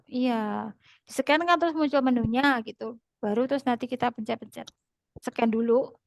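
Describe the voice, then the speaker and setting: A woman teaching a language class in a fairly high voice, patient and repetitive as she walks through each term. She laughs easily between explanations. The sound is close and dry, with no room around it. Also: steady tone, normal speed, dry recording. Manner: explains patiently, repeats terms, laughs often. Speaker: Korean language tutor.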